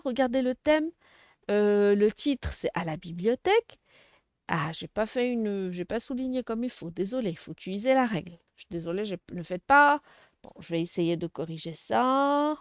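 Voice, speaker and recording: Woman teacher doing a phonics class for little kids, slow and clear, pitch jumps around a lot, dry close sound. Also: no echo. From Arabic-speaking background. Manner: slow, clearly articulated, encouraging teacher talk. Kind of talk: first-grade phonics lesson.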